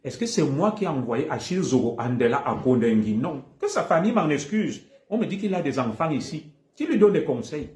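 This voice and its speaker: A combative man with a Cameroonian French accent rants through a live stream, repeating his points with heavy emphasis. His fairly high voice swings widely in pitch. The room around him sounds echoey. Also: sing-song, fairly quick, darkish tone. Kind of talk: heated livestream monologue.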